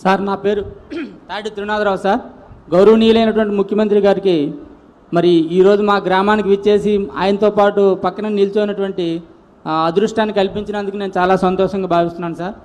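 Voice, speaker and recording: A man's voice: sits high, level tone, fairly quick, darkish tone, long reverb tail. A man who works as a school principal speaks formally and respectfully at a public meeting, repeatedly addressing the listener as sir.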